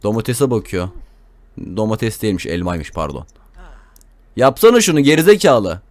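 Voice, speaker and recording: A man's voice: lowish voice, wildly swooping pitch, normal speed, darkish tone, no echo. A young man giving casual, crude, joking commentary while playing a game, talking to viewers and to the characters. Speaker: gameplay commentator.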